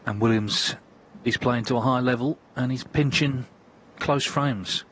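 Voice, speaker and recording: A man giving measured, understated analysis as part of live snooker commentary. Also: medium pitch, fairly bright tone, husky. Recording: crowd ambience and background noise.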